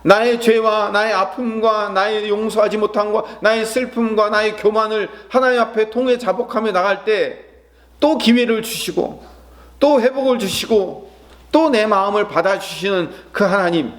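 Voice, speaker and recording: A man's voice: sits high, normal speed, a bit bright. A man preaching a sermon as pastor, acting out prayers and quotes, then asking the congregation questions and answering them himself.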